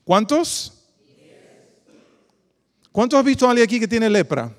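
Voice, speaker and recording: High-voiced pastor, hall reverb. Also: male voice, sing-song, measured pace. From Dominican Republic. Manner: preacherly, asks the congregation questions, calls them "queridos". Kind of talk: sermon.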